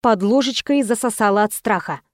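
A woman narrating an audiobook in the first person with a steady, expressive reading. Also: mid-range voice, moderate pace, dry recording, clean studio sound.

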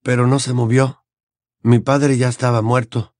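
A man voicing a somber teenage boy wizard in an audiobook, in a quiet and grave voice. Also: medium pitch, little pitch movement, unhurried, dry recording, studio quality, lightly acted. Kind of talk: audiobook character voice.

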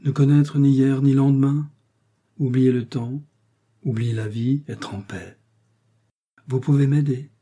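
A man voicing a lonely, centuries-old male ghost who speaks sadly, in a hushed and dreamy way. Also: medium pitch, fairly even intonation, a little slow, pauses often, breathy edge. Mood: sorrowful, dreamy.

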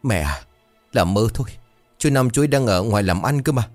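A man playing a gentle, soothing eldest son. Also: mid-range voice, lively intonation, fairly quick, faint music behind, voice pushed up, natural voice. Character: grown eldest son, calm and reassuring.

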